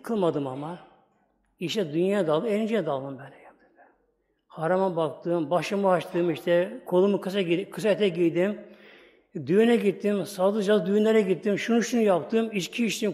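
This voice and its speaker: High-voiced man preaching a sermon. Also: moderate pace, darkish tone. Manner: rhetorical questions and storytelling to a congregation.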